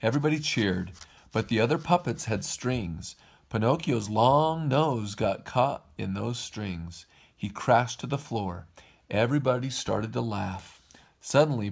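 Gravelly low-voiced dad reading aloud. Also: male voice, a little slow, a little hiss or hum. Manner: lively read-aloud, puts on voices for each character. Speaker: father reading to his kids. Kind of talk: storybook read-aloud.

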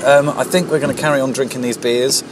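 A man's voice: medium pitch, steady tone, fast talker, noisy background. Rambling man chatting in a pub. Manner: rambling anecdotal storyteller. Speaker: co-host. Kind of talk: casual pub chat. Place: pubs and streets in a busy city. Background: crowd chatter.

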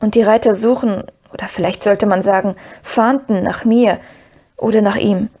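A woman reading the part of Frodo, a worried young male hobbit who speaks hesitantly and gravely. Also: medium pitch, steady tone, moderate pace, dark tone, close to an everyday voice. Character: earnest young male hobbit, burdened and anxious.

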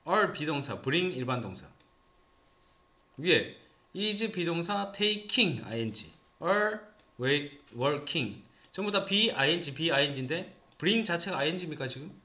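Male teacher with a Gyeongsang accent, somewhat high voice, joking and quizzing his students in an echoey room. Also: big pitch swings, takes it slowly, sharp tone. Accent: Gyeongsang Korean. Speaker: English teacher. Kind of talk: classroom grammar lesson. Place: small classroom. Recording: roomy classroom echo.

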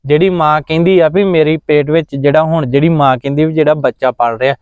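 A man's voice: a little high, steady tone, quick pace, clean tone, dry recording, phone-quality sound. A man, speaking in an interview with earnest, preaching conviction. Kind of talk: impassioned religious commentary.

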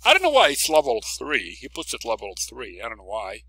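A man's voice: mid-range voice, wildly swooping pitch, a little fast, noisy background. A man teaching a recorded physics lecture, working through a problem step by step, stressing key words and often checking in with "okay?". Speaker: physics professor.

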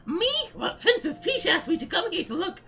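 Game casting: tiny frantic mushroom guy Toad, female performer, shrill and whiny, swooping melodramatic pleas. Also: very animated, normal speed, vocal fry, sharp tone, soft background music, heavily acted. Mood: frantic pleading. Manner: wailing, melodramatic pleading. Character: small frantic whiny mushroom-man Toad, anxious and over-eager. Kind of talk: mock dubbing of video game dialogue.

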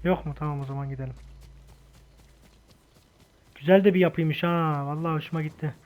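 A young man giving casual, slangy gameplay commentary, shouting taunts and swearing during fights. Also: fairly high pitch, steady tone, brisk. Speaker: gaming channel host.

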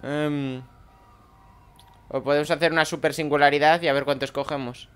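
A man's voice: on the high side, steady tone, normal speed, a bit bright, smooth. A man commenting on his gameplay playfully, voicing little sound effects as he plays. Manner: playful, makes sound effects while playing. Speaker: let's play host. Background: game music.

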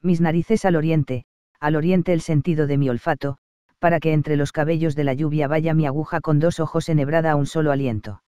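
An ecstatic male sun god chants his lines in slow, incantatory verse, as a man reads him aloud. The voice sits slightly high and sounds smooth and resonant. The recording is dry and close for a storybook audiobook. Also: steady tone, warm tone, no echo, muffled recording, natural voice. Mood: rapturous. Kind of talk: audiobook reading of a verse play.

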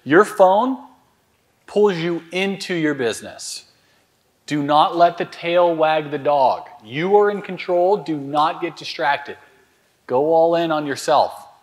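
A man's voice: a little high, slow. A man leading a live sales training in a room with an audience, urging people to speed up and cracking crude jokes. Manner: loud, urgent commands to hurry; crude, joking asides. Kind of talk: live seminar coaching.

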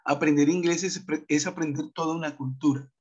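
A man's voice: a little high, fairly even intonation, a little fast, slightly rough, muffled recording. Coastal man teaching online. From Montería, Colombian Atlantic coast. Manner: many fillers, checks with "¿sí?". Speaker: English teacher. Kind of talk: online class talk.

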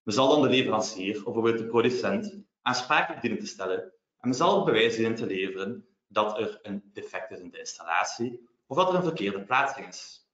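A man with a Belgian Dutch accent lectures on legal matters, explaining each point in a measured, step-by-step way with practical examples. His voice has a mid pitch. The webinar audio is roomy and somewhat muffled. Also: expressive, a bit bright. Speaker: lawyer presenting.

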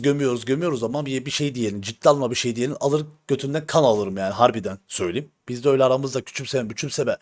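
Man, live streamer, slightly high voice, heated and blunt, swears, repeats himself, talks straight to viewers. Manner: addresses the audience directly, repeats himself for emphasis. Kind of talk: casual stream talk to viewers.

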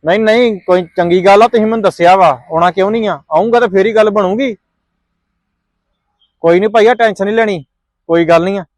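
A man playing a calm younger brother who consoles his brother-in-law on the phone. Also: high-pitched, fast talker, long pauses, no room sound, natural voice. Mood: consoling. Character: younger brother of the mother, reassuring on a call. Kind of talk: family drama vlog acting.

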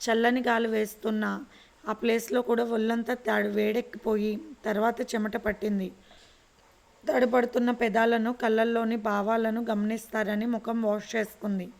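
A woman storyteller reading a serial romance aloud in a steady way. Her voice sits fairly high, and the pitch barely moves. The reading is calm and even. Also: normal speed, gravelly.

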